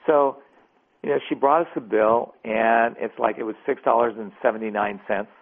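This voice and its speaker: A man calling in as a radio guest, an animated, casual storyteller. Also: medium pitch, normal speed. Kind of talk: phone-in interview storytelling. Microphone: telephone. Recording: tinny phone line.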